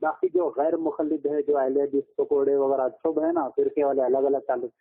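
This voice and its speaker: A man with a gravelly, husky voice speaks over a tinny phone line, his pitch jumping up and down as he talks. He cuts in often and repeats his phrases while pushing back on the other side. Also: a little fast. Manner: interrupts often, repeats himself, animated. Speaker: debater answering the questions. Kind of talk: religious debate over a phone call.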